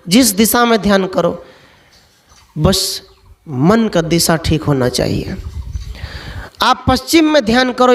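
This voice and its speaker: A man preaching a sermon, telling stories and firing off rhetorical questions. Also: high-pitched. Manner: storytelling, full of rhetorical questions.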